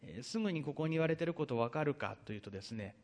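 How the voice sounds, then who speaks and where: A male pastor preaches in a fairly high voice that swoops up and down with lively intonation. He reads verses aloud and then explains them at an unhurried pace. Drawn-out hesitations run through his talk. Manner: frequent drawn-out hesitation fillers. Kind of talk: sermon with scripture reading.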